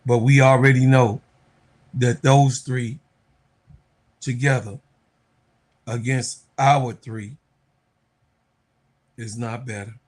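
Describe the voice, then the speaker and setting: A man's voice: medium pitch, fairly even intonation, takes it slowly, long pauses. A man co-hosting a podcast, arguing heatedly about basketball with emphatic, repetitive, preachy points. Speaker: podcast co-host. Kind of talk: heated sports debate.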